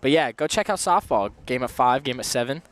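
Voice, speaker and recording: A man calling live college baseball play-by-play from a ballpark press box, fast with his calls and quick to laugh. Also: medium pitch, expressive, fairly bright tone. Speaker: play-by-play commentator.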